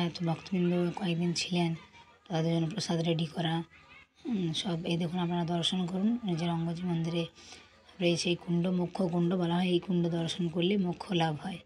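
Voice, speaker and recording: A woman with a hoarse voice from a cold, earnestly narrating a devotional vlog and addressing viewers as friends. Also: lowish voice, level tone, quick pace, a little mellow. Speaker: vlog host, pilgrimage guide.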